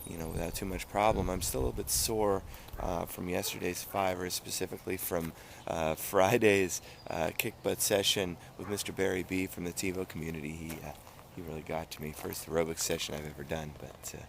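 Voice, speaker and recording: Male vlogger, casual and low-key, slightly halting delivery, recorded with clear background noise. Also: steady tone. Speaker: running vlogger. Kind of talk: casual vlog chat, standing at home before and after a run.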